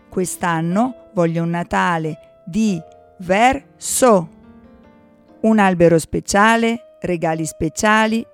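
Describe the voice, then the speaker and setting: A woman voicing an excitable male woodland inventor animal in a children's storybook, eager and exclamatory. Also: medium pitch, close to an everyday voice.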